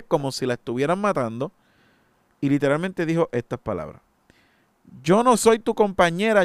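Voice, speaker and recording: A man's voice: medium pitch, smooth, no echo. A man hosting a solo podcast, giving an indignant, emphatic opinion monologue. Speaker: podcast host.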